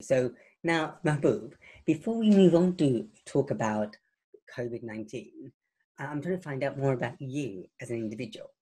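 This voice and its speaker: Husky, mellow-voiced male interviewer. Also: mid-range voice, lively intonation, normal speed. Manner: patient, restates answers before asking. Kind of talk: oral history interview.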